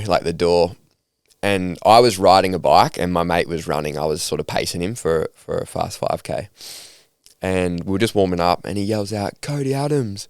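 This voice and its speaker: A young Australian man with a low, smooth, resonant voice, chatting in a laid-back, upbeat way full of slang. The sound is close and dry. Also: no room sound. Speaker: podcast guest. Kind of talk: casual conversational storytelling.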